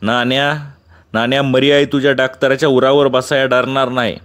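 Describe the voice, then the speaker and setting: A man voicing a stubborn old village elder with gruff, commanding rustic speech. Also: mid-range voice, flat delivery, moderate pace, a bit bright, lightly acted. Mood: stern.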